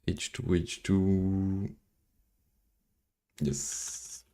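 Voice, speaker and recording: A Belgian man whose first language is French runs a casual live coding stream, thinking aloud, reading formulas slowly and making dry joking asides. His low voice has a dark tone and a completely flat delivery.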